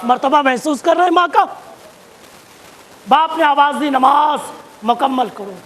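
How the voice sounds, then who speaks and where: A man preaching a sermon, repeating phrases for emphasis and rising to shouts at key points. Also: very high voice. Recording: long hall reverb.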